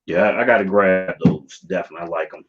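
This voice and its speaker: A low male voice with an American accent, coming through slightly dull stream audio. He hosts in a loose, slangy way, talking informally to his viewers as if among friends. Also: fast. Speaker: livestream host of a YouTube channel. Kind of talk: casual livestream chat.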